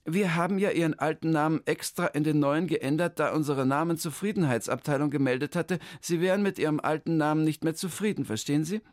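Guy putting on a high squeaky office lady, fast bureaucratic chatter, dry sound. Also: no room sound, lightly acted. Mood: officious. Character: shrill fussy female office clerk.

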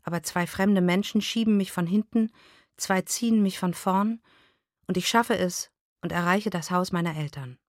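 A woman reading a novel aloud in the first person, measured and expressive. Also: on the low side, dry recording, clean studio sound. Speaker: reader. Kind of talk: literary reading.

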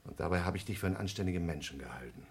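A man's voice: low-pitched, expressive, rapid-fire, darkish tone, slightly rough, exaggerated voice. A man playing Doctor Mills, a defensive scientist. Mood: indignant defensive. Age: older than Blob. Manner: defensive, indignant, frightened. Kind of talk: German radio play acting.

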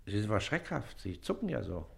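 An actor playing a pompous, impatient district official in a radio play, talking down to the people before him. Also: male voice, on the low side, big pitch swings, fairly quick, gravelly, a little mellow, full character voice. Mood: condescending. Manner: condescending, lecturing.

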